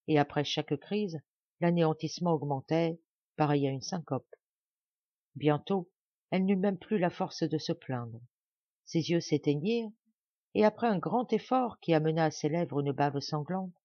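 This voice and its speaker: A woman narrating an audiobook in a measured, dramatic reading voice. Her pitch sits mid-range. The recording is dry and slightly muffled, with no room sound. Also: dark tone, dry recording. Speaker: audiobook reader. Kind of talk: scripted narration.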